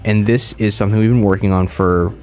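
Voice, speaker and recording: A man with a fairly low voice hosts a casual podcast. His articulation is restricted, as if he can barely open his sore mouth, and faint music plays behind him. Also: steady tone, fairly quick, darkish tone. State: mouth sore after wisdom teeth removal. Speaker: podcast host.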